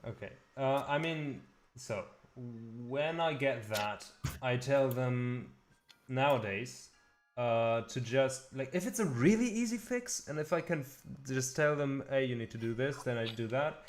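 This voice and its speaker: A man streaming live game development, chatting casually and thinking aloud in a hesitant, soft-spoken way. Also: medium pitch, lively intonation, measured pace, slight background noise. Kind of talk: casual chat while working.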